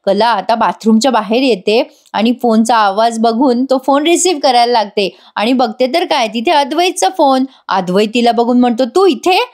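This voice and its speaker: A woman retelling a TV serial episode in a chatty, lively recap. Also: a little high, normal speed, hardly any pauses. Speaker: TV serial reviewer. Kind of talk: casual episode recap narration.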